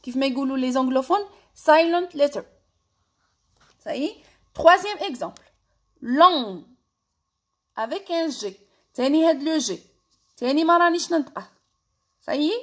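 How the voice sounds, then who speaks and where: A woman with an Algerian accent teaching French grammar in a classroom-style lesson, switching between French and Algerian Arabic. She slows down to dictate example words and repeats them carefully. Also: high voice, lively intonation.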